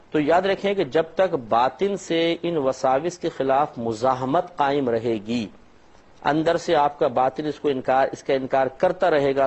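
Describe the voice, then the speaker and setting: A man's voice: medium pitch, darkish tone. Guy doing a religious lecture, explains stuff step by step, kinda muffled lo-fi audio. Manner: patient explaining through step-by-step examples. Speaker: Islamic scholar. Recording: slightly dull lo-fi recording.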